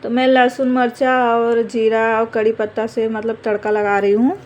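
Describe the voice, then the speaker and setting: A woman's voice: a little high, flat delivery, moderate pace. A young woman narrating her household chores in a chatty, rambling home vlog. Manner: chatty, rambling, fillers of "matlab". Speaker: vlogger, mother.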